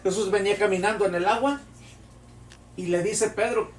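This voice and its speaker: A man's voice: sits high, moderate pace, a little hiss or hum. A man preaching a sermon, telling vivid stories and asking rhetorical questions. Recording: echoey hall, distant mic, soft music.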